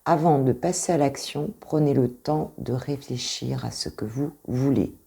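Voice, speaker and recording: French woman, low voice, mellow tone, tarot reading vlog, hesitant, repeats herself. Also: a little slow, vocal fry, breathy edge. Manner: hesitant, many fillers, repeats her points. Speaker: intuitive coach reading tarot.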